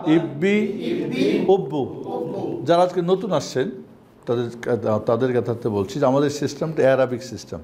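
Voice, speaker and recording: A man with a Bangladeshi accent teaching Quran reading in an online class, drilling Arabic sounds in slow call-and-repeat. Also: mid-range voice, dark tone, a little hiss or hum.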